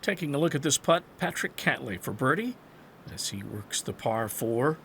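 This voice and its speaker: A man calling golf play-by-play in short, measured broadcast phrases. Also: mid-range voice, animated, a bit bright, a little hiss or hum. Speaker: golf commentator.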